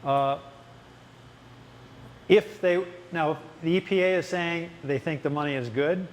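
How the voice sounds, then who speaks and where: A man with a fairly high voice speaks unhurriedly as a city official fielding residents' questions at a public ward town hall meeting. His explanations run long and are full of fillers and restarts.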